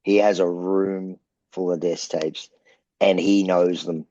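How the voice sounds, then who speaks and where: A gravelly, low-voiced Australian man in middle age tells long, rambling stories and acts out the quotes. The sound is dry and slightly dull, like a remote call. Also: slow pace, dry recording. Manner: rambling, animated anecdotes with acted-out quotes. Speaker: rock band frontman, interview guest. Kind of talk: casual storytelling.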